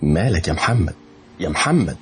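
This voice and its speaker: Loyal young friend, anxious and caring, voiced by the narrator; Egyptian Arabic accent, low voice. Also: male voice, sing-song, brisk, a little hiss or hum. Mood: worried.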